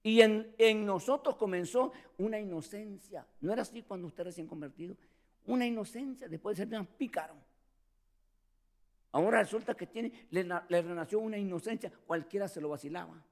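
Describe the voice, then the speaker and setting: A middle-aged man preaching a sermon as pastor, animated, acting out the voices he quotes and often calling his listeners brother. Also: high voice, fairly quick.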